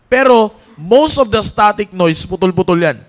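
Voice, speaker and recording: High-voiced animated youth preacher man. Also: normal speed. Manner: animated, joking storyteller who breaks into laughter. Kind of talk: casual Taglish sermon to young people. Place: church.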